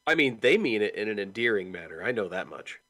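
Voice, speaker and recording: Low, bright-voiced man chatting casually. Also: very animated, quick pace, dry recording, clean studio sound. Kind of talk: casual chat.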